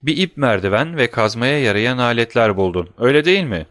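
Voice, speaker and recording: A man voicing a grave, wealthy male count in a storybook reading, speaking in a solemn, measured way. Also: mid-range voice, animated, a bit bright, no echo, studio quality, lightly acted. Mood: intent.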